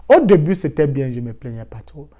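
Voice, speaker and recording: A man from Africa telling a casual personal story for his vlog in a lively way, dropping in English words. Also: mid-range voice, a little fast. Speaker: vlogger.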